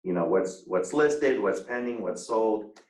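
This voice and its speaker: A man, a real estate agent, answering interview questions over a video call in a halting way, with many fillers and restarts. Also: lowish voice, lively intonation, a little mellow, echoey room, far from the mic, rough recording.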